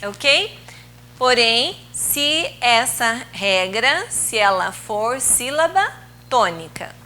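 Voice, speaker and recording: A woman whose first language is Portuguese teaches English in a recorded video lesson, explaining rules slowly and patiently and drawing out key words. Her fairly high voice swings widely in pitch and sounds pushed and bright. The rough recording has a little hiss or hum.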